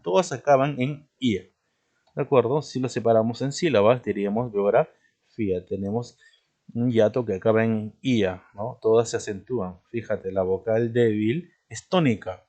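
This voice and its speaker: A man's voice: medium pitch, darkish tone. A man teaching a recorded grammar lesson, explaining step by step and checking in with his listeners after nearly every point. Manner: explanatory, repeats "¿de acuerdo?" and "¿no?" as check-ins; spells out words slowly, stressing each example. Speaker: language teacher. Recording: dull lo-fi recording.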